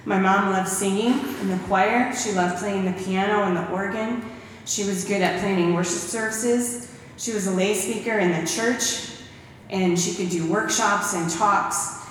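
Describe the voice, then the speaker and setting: A woman's voice: mid-range voice, fairly even intonation, unhurried, slight background noise. Woman speaking in an echoey hall. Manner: warm storytelling with scripture quotes. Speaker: lay speaker giving a church talk. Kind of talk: church testimony talk. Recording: echoey hall recorded from far off.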